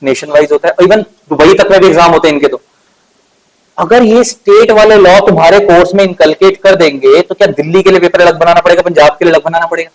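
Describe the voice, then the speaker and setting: This rough recording captures a young man in his 20s whose voice sits high and moves fairly quickly. Lecturing on law in a relaxed, talkative way, he asks the class questions, including rhetorical ones, and draws out important words.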